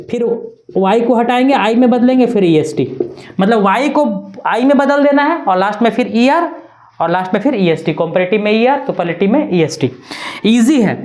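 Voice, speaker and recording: A woman leads a beginner grammar lesson in a patient classroom manner. Her voice sits a little high, and she spells each word out letter by letter before saying it in full. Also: a little mellow. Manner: spells words letter by letter, repeats with "है ना". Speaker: English grammar teacher.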